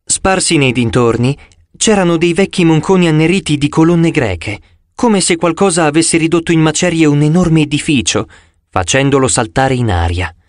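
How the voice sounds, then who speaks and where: A man reading a first-person audiobook narration in an expressive storytelling manner. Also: a little high, normal speed, no echo, studio quality.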